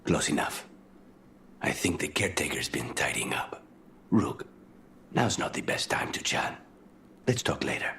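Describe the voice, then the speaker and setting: A brooding video game assassin whose voice is extremely deep and gravelly, pushed to a near whisper. His tone stays bright and hard-edged, and his delivery is curt and guarded. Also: very animated, measured pace, long pauses, full character voice. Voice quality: gravelly, low murmur.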